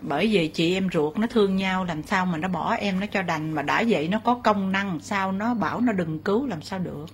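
A woman's voice: medium pitch, moderate pace, few pauses, a little hiss or hum. Rambling woman medium. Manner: rambling, full of fillers and exclamations. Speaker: spirit medium. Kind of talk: spiritual session talk.

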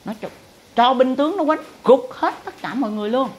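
A woman's voice: high-pitched, animated, brisk, darkish tone. Emphatic Southern Vietnamese woman storyteller. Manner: emphatic, dramatic retelling with acted-out quotes. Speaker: spiritual teacher. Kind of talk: storytelling talk to followers.

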